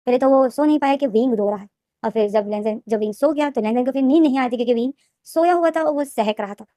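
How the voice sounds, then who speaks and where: A woman retelling a fan fiction plot in a rapid, repetitive storytelling manner. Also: high voice, warm tone, dry recording, clean studio sound. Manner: fast, repetitive storytelling with restarts. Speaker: story explainer.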